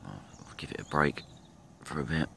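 A middle-aged man filming his own fishing trip, chatting casually and thinking aloud with pauses from behind a handheld camera by a lake. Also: rumbling low, expressive, creaky, fairly bright tone, slight background noise. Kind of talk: casual self-filmed commentary. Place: outdoors by a lake. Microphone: handheld camera from behind the lens. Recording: outdoor ambience with nature sounds.

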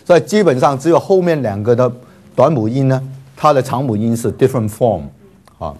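A man's voice: mid-range voice, lively intonation, a little mellow. A man teaching a class, leading drills with repeated syllables and playful asides. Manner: slow, drawn-out, repeats syllables for students to follow; frequent filler particles, playful asides.

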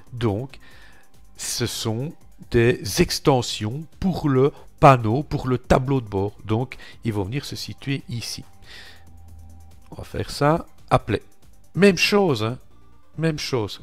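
A man with a French accent walking viewers through software on screen in a relaxed, chatty way, calling out each click with little interjections. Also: mid-range voice, gravelly. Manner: slow, chatty, narrates each click with "voilà" and "hop". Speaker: tech tutorial host. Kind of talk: screen-recorded software walkthrough.

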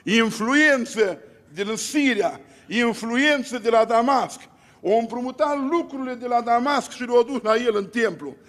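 A man's voice: high-pitched, long reverb tail. A male pastor preaching a sermon, emphatic, with repeated lists and rhetorical questions.

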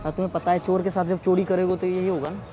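A man's voice: sits high, flat delivery, quick pace, warm tone, soft background music. A man hosting a prank video, bantering teasingly in casual talk and repeating himself, recorded outdoors in a public place.

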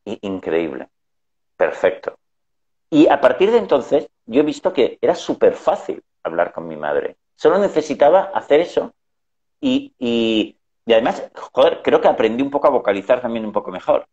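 A man's voice: medium pitch, very animated, moderate pace, a little mellow. A middle-aged man telling family anecdotes in casual conversation, acting out the voices he quotes. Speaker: guest. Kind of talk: conversational storytelling. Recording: dull lo-fi sound.

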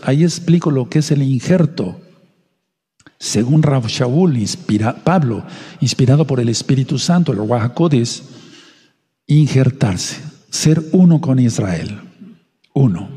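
A man's voice: medium pitch, mellow, husky, long reverb tail. A man preaching a sermon as a Messianic pastor, impassioned and zealous, sometimes mimicking others. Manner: impassioned preaching, quoting others in mocking voices.

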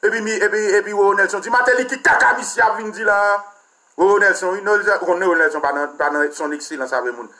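A man's voice: high voice, fast talker, pushed and bright. A man with a Haitian accent, a political commentator delivering a heated, mocking and crude rant.

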